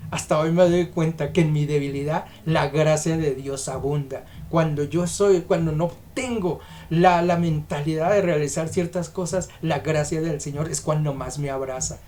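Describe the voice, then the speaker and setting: A man's voice: on the high side, fairly even intonation, normal speed, few pauses, dark tone, slight background noise. A man preaching a sermon, emphatic and questioning, putting rhetorical questions to the congregation.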